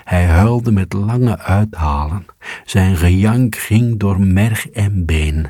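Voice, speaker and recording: A man narrating a storybook in a calm, measured storytelling manner. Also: deep voice, no room sound, studio quality. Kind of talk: storybook reading.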